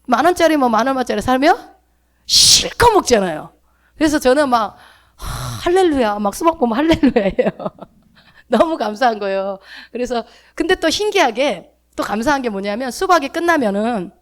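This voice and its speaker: A woman pastor giving a sermon in a church, talking in a chatty, animated way with homely asides. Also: fairly high pitch.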